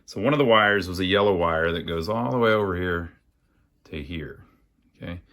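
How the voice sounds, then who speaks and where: Working through a casual repair tutorial, this man, who hosts an amateur radio repair channel, muses aloud in a folksy manner. He speaks in a low-pitched, somewhat bright voice, animated and at a moderate pace.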